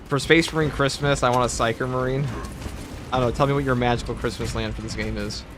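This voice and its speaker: A man's voice: medium pitch, quick pace. A man casually chatting through a game livestream, answering chat questions in a loose, rambling way with lots of "like" fillers, with game music playing behind him. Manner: relaxed, rambling, many "like" fillers. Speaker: game streamer. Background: game music and sound effects.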